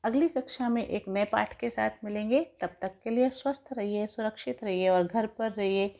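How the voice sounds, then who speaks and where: A woman teacher giving a recorded lesson to young pupils, slowly spelling out and stretching sounds to show how words are said. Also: mid-range voice, vocal fry, dark tone. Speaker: primary school teacher. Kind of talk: slow, carefully articulated recorded lesson. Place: home, recording an online class. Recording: dull lo-fi recording.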